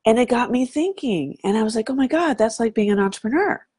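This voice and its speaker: A woman telling a story in a casual talk, animated and often checking in with "right?". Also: a little high, fast, slightly rough, no echo, studio quality. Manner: animated, fond of saying "right?" to draw the listener in.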